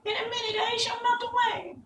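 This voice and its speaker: A man's voice: completely flat delivery, fairly quick, pushed and bright, full character voice. Man doing a shrieking Wicked Witch of the West. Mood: wailing, desperate. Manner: shrill falsetto wailing. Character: wicked old witch, cunning, screeching, spiteful. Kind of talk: storybook character reading. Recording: roomy, distant mic with background noise.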